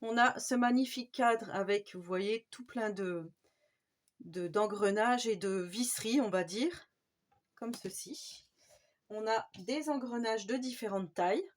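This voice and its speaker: A woman's voice: a little high, measured pace. A woman with a French accent hosting a casual craft vlog, chatty and enthusiastic, with many fillers. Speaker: scrapbooking channel host.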